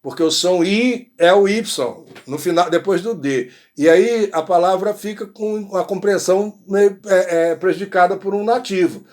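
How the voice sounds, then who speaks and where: A man's voice: high-pitched, darkish tone. Brazilian man teaching English pronunciation. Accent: Brazilian Portuguese. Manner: slow, drawn-out English model phrases, frequent check-ins. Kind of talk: explanatory language lesson.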